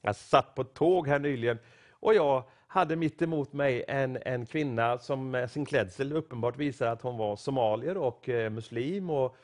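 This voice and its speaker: A man from Sweden preaching a sermon, telling stories with acted-out quotes and growing excitement. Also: medium pitch.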